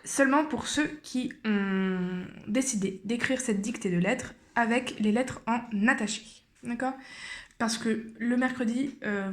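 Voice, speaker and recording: A woman teacher guiding young children through cursive handwriting step by step, slowly and patiently, with frequent hesitations. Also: medium pitch. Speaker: primary school teacher.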